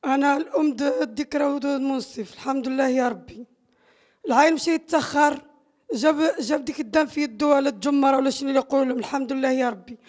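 High-voiced distraught, tearful Moroccan woman pleading. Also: fast talker, darkish tone. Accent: northern Moroccan Arabic. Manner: anguished, repetitive, pleading. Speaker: bereaved mother interviewed. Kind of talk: emotional testimony to a news reporter. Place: small bare concrete room or entryway indoors. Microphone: reporter's handheld microphone held close.

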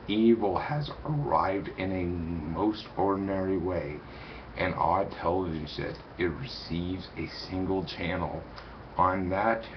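A man's voice: deep voice, slight background noise. Young man rambling into a webcam. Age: young adult. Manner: rambling, repeats words, reads blurbs haltingly. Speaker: video reviewer. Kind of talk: casual to-camera review. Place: small room indoors. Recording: dull lo-fi webcam sound.

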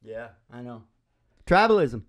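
In a small wood-panelled room, with acoustic guitar playing behind him, an older musician and radio host trades casual, joking banter between songs and tells meandering, funny stories. His mid-range voice is very animated but measured in pace, recorded up close on a stand microphone.

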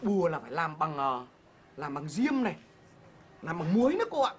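A woman performs a comic skit, talking fast and joking with laughter through her lines. The recording carries steady background noise. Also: deep voice. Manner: bantering, bursts of laughter. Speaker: comedy sketch performer. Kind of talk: comic sketch acting. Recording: noisy live recording.

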